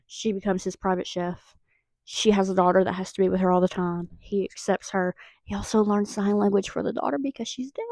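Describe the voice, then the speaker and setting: Woman, Southern accent, young adult, gravelly fry, chatty book review, excitable. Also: medium pitch, brisk, dry recording. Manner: chatty and excitable, with frequent fillers. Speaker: book vlogger. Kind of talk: casual book review chat.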